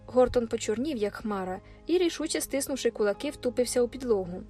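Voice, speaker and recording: High-voiced woman narrating an audiobook. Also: expressive, a little fast, mellow. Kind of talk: scripted first-person narration. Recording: faint music behind the reading.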